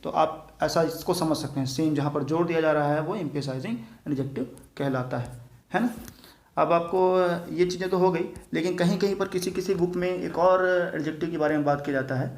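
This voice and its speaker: This classroom grammar lecture, recorded in an echoey room, comes from a man from Chhattisgarh, India, whose voice is fairly high and paced normally. He explains things patiently and keeps checking comprehension with tag questions.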